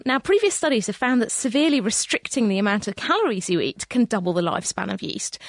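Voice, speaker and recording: Bright, curious British woman hosting science radio. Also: a little high, dry recording. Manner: bright, curious, chatty, jokey asides. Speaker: science show host. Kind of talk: scripted science radio presenting with casual asides.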